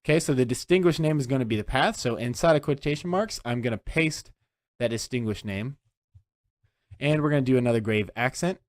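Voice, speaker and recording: A man's voice: medium pitch, fairly quick, no echo. Male tech instructor, mid-range voice, dry close sound, patient step-by-step screen tutorial delivery. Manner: walks through steps one by one, often checking in with "okay?". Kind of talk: screen-recorded software tutorial.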